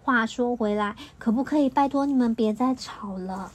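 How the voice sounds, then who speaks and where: A woman voicing a kindly, calm shape-changing clay character in a storybook, speaking slowly and gently. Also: a little high, natural voice. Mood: gentle.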